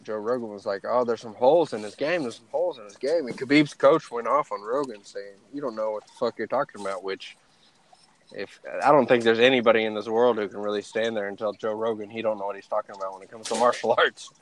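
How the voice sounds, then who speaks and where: Hosting a laid-back fighting podcast, a young man tells stories at a quick pace in a lowish voice, full of swearing and laughter, animated throughout.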